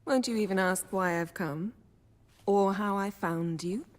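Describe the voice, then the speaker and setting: A woman's voice: mid-range voice, measured pace, no echo, close to an everyday voice. An actress playing a composed female sorceress in a video game, with cool, wry delivery.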